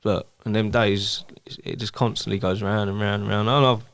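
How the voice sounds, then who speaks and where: A man's voice: fairly low pitch, flat delivery, moderate pace, a bit bright, no echo. A man, speaking hesitantly as a guest and talking candidly about his life, with many stops and restarts. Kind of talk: candid personal talk.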